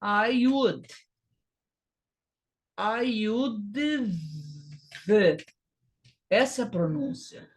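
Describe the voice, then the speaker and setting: Slow, deliberate Brazilian woman teaching. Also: medium pitch, animated. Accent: Brazilian Portuguese. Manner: deliberate, repeats words and models English phrases slowly for drilling. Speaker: English teacher. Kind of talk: classroom lesson on grammar and pronunciation.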